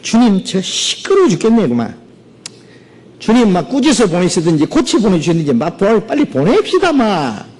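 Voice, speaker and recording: A man's voice: high voice, big pitch swings, moderate pace, darkish tone, pitched above the performer's own voice. A man acting out a band of impatient male disciples, whining in a sharply raised voice. They plead and grumble, tired of the fuss around them, their tone jumping up and down. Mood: annoyed. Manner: whiny, pleading complaints. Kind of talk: acted quotation in a sermon.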